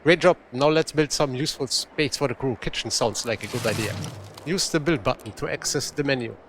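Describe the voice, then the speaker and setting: A man voicing a stern woman commander, Ella, in a put-on Russian or Polish accent, reading game tutorial lines in a brisk, commanding way. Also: mid-range voice, fairly bright tone, slight background noise, lightly acted. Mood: instructing.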